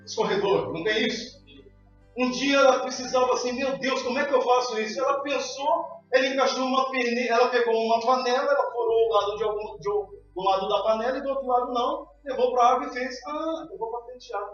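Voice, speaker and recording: A man's voice: extremely high pitch, fairly even intonation, brisk, fairly bright tone. A man preaching a sermon as pastor, emphatic and repeatedly calling out to his congregation. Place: church hall. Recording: echoey hall, distant, dull sound, faint music.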